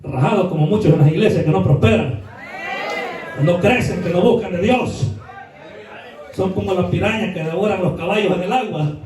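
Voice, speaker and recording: Preaching at normal speed with long pauses, a Salvadoran pastor with a high voice fills a very echoey church, heard on a distant mic over a faint crowd since he stands back from it. His sermon shifts from quiet asides to sudden shouts and volleys of rhetorical questions aimed at the congregation.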